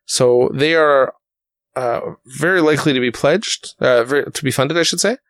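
A man's voice: medium pitch, normal speed, a bit bright, no room sound. A man hosting a casual podcast, talking in a rambling way with fillers and restarts. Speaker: podcast host.

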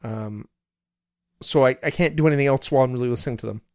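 On a hobby podcast, a male co-host, not a native English speaker, keeps up a casual, loose chat full of restarts. His mid-range voice is smooth and quick-paced, captured in clean studio sound with no echo.

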